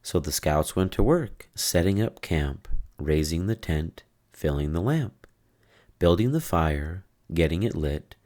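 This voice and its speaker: Very deep, slow storybook narrator. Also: expressive, a little mellow. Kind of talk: scripted children's storybook narration.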